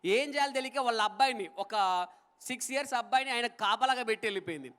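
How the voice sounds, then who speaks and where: A male comedian with a very high, bright voice tells jokes on stage at a film event, chatting as he goes. Between stories he keeps urging the crowd to clap. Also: fast, clear, resonant tone. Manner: chatty storytelling, asks the crowd for claps. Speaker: stand-up comedian.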